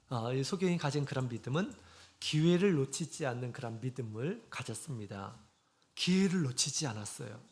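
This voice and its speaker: A man preaching a sermon as the church's shepherd, speaking earnestly with many drawn-out pauses and fillers, and leading slow unison scripture readings. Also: mid-range voice. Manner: frequent drawn-out fillers between phrases.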